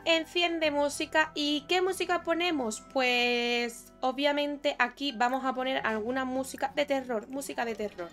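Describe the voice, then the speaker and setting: A woman's voice: high voice, bright, forceful tone. A woman from chatting casually over her life-sim gameplay, joking with viewers and talking to the characters on screen. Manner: chatty, jokey, talks to viewers and game characters. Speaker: gaming YouTuber. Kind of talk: casual Let's Play commentary.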